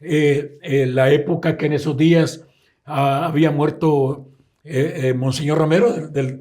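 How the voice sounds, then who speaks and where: A man's voice: a little high, measured pace. An older man from El Salvador with a Salvadoran accent, telling stories in a casual interview. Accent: Salvadoran Spanish. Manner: lively storyteller who acts out the people he quotes. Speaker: guest musician.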